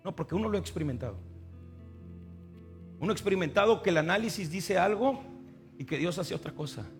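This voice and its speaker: A Mexican pastor preaching a sermon, telling stories and acting out dialogue before building to emphatic appeals. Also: male voice, high voice, expressive, fairly quick, soft background music.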